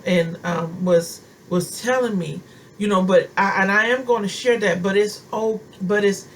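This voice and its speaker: A woman preaching straight to her listeners with fervent, homespun conviction. Her voice sits at an ordinary middle pitch, and she drives points home by repeating phrases. A faint background hiss runs under her talk. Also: rough recording. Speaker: preacher and self-styled prophetess. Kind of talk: informal sermon, speaking to viewers.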